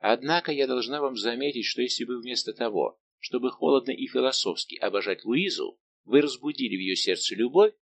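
A man's voice: medium pitch, expressive, brisk, few pauses. A male reader voicing a young lady-in-waiting who teases and asks mocking, pointed questions, in an audiobook. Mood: teasing. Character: young female lady-in-waiting, teasing and sharp.

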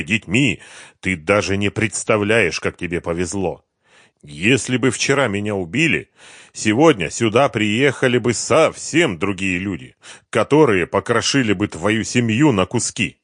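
A man voicing a cold, contemptuous man who calmly threatens a traitor. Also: fairly low pitch, husky, no room sound, studio quality, exaggerated voice. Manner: measured, threatening, scornful.

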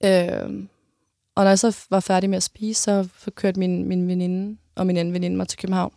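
A woman in her twenties telling a personal story in an interview, halting, with many restarts and pauses. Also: on the low side, little pitch movement, gravelly, mellow, no echo, studio quality.

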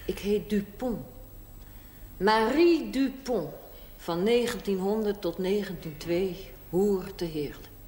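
Wry and proud, the actress's character, a frank 45-year-old former prostitute, tells her life in a theatrical television monologue, speaking bluntly, deliberately and matter-of-factly. She uses a medium, mellow voice, lightly acted, on an echoey, faintly noisy 1970s TV recording.

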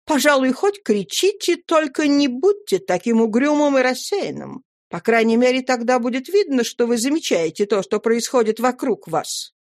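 Woman reader as a proud, reproachful high-society wife, crisp and cutting, storybook reading. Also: very animated, moderate pace, dry recording, studio quality. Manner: reproachful, sharp. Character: haughty, nagging society wife.

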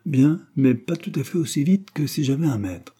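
A man's voice: a little high, animated, normal speed, dark tone, slightly rough, voice pushed up. A man reading a novel aloud, voicing an earnest, candid schoolboy in a somewhat raised voice. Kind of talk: audiobook character voice.

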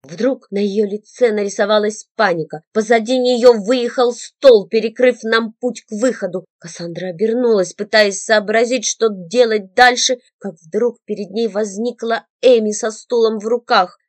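A woman reading first-person story narration in a calm, measured way. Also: a little high, no room sound. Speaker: audiobook narrator.

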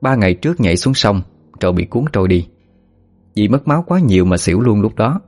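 A man narrating a story at a steady, even pace. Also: lowish voice, fairly quick. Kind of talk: scripted narration. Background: faint music.

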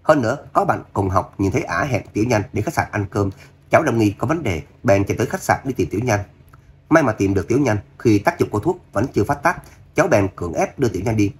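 A man's voice: fairly low pitch, expressive, fast, husky. A man doing a fierce, hot-tempered young woman. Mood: explaining. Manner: angry, panting.

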